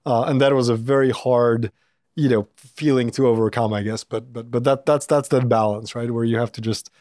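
A man's voice: medium pitch, fairly even intonation, normal speed, a little mellow, no room sound. Polish-born man, dry studio sound. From Poland. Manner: thoughtful, many fillers and restarts. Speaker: startup founder and CEO, guest. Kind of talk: casual interview talk. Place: podcast studio with a couch. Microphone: studio mic on a boom arm.

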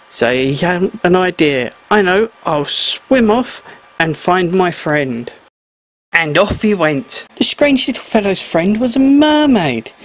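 Plain gentle storyteller reading a kids tale, mid voice, homemade puppet show feel. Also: mid-range voice. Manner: simple, gentle storybook telling. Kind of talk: children's story narration for shadow puppets.

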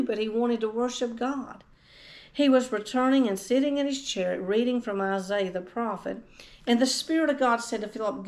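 A woman's voice: medium pitch, a little mellow. A middle-aged woman pastor preaching a sermon, reading scripture aloud and telling her own story of faith in an earnest way. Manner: earnest, reads scripture aloud and tells a personal testimony.

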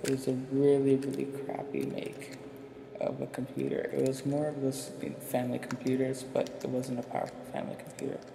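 The young YouTuber speaks fairly quickly in a mid-range voice with completely flat delivery and vocal fry. His gameplay commentary is rambling, informal and self-deprecating, with a slight impediment from his retainer. Background noise and music sit in a roomy, echoing sound.

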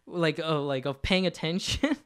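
A man's voice: on the high side, normal speed, a bit bright, clear, resonant tone. A young man co-hosting a casual podcast, telling a story in a rambling way, full of fillers and asides. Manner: rambling, many fillers and laughs. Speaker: podcast co-host.

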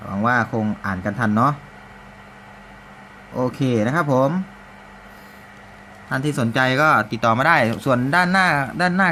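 A man with a middle-pitched voice walks through a product demo in a casual, polite way, repeating himself and filling pauses. He is recorded indoors in a shop or workshop. Faint noise sits behind him. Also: a bit bright. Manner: polite, repeats phrases, many fillers. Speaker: product demonstrator.

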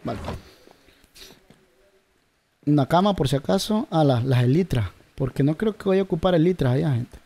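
Mellow chatty gamer man. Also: fairly high pitch, animated, normal speed, long pauses, slight background noise. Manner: chatty, talks straight to viewers, searches aloud for words. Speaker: gameplay video creator. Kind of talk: casual gameplay commentary.

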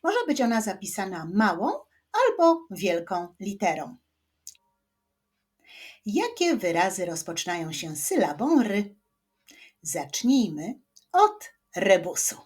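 A woman with a Polish accent teaching children to read, sounding out each syllable clearly. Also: medium pitch, very animated, takes it slowly, pauses often, a little mellow. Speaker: reading teacher. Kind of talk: children's reading lesson.

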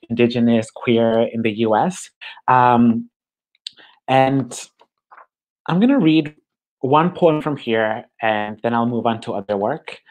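A poet from Mexico reading their work at a live online reading, excited and laughing between poems and slipping into Spanish phrases. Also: mid-range voice, poor audio. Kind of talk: poetry reading.

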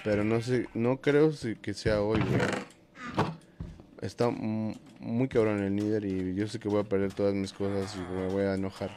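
A man's voice: fairly low pitch, steady tone, moderate pace, noisy background. Joking Mexican man streaming a game. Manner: joking, swears freely, talks to chat. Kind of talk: casual live-stream chat while playing. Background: game music.

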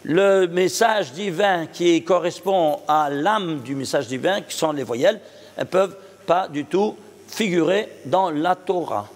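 High-voiced rabbi quizzing his class. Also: unhurried. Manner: asks questions and answers them himself; checks understanding with the audience. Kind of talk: Torah lesson on numerology. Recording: long reverb of a hall.

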